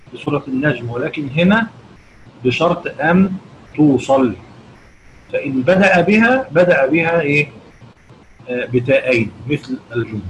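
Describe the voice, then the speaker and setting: A man with an Egyptian Arabic accent teaching Quran recitation rules, asking his students rhetorical questions and answering them himself. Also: fairly high pitch. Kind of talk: explanatory lesson with chanted recitation examples. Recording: dull lo-fi recording with noticeable background noise.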